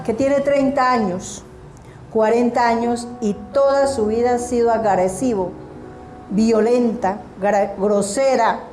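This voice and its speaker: A woman's voice: on the high side, darkish tone, roomy sound. A woman preacher giving an emphatic sermon and asking her congregation questions. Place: church hall.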